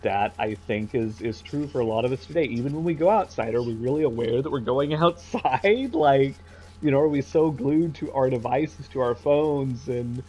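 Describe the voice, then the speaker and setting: A man hosting a Let's Play with casual, halting, reflective commentary. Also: medium pitch, a little mellow, husky, dull audio, faint music behind.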